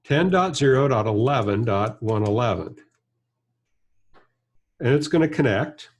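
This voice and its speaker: Here a fifties-aged American trainer and presenter demonstrates a product hands-on, explaining it in a conversational, plain-spoken way. His voice is mid-range with lively intonation, delivered a little slowly. The setting is an indoor studio or workshop fitted with a backdrop and a bench.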